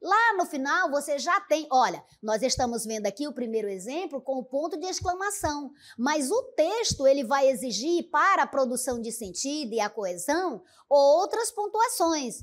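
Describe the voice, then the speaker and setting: A woman's voice: high-pitched, sing-song, normal speed, hardly any pauses. A woman teaching a grammar lesson, reading examples aloud with exaggerated intonation and often checking in with the listener. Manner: didactic, checks in with "né?" and "certo?".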